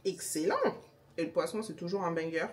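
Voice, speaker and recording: A young woman of Senegalese background chatting casually to her camera at home, animated and wry about food and her day. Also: on the low side, fairly quick, recorded from a distance. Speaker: vlogger. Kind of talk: casual vlog chat. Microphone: handheld pocket camera.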